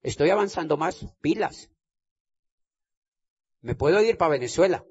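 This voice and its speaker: A man's voice: on the high side, animated, measured pace, breathy edge. A man giving an emphatic motivational stage talk, repeating phrases and checking that listeners understand. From Colombia. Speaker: motivational speaker. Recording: dull lo-fi sound.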